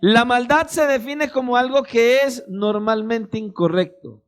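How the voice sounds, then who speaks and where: Emphatic high-voiced pastor preaching. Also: male voice, measured pace, clear, resonant tone. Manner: emphatic, addresses listeners directly, acts out little dialogues. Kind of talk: sermon.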